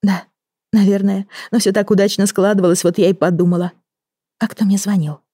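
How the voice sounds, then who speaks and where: A woman's voice: fairly even intonation, fairly quick, dark tone, no room sound, studio quality, natural voice. A woman reading an audiobook and voicing a desperate young woman who confesses to murders, in a pleading, breathless way. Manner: pleading, breathless, rising pitch.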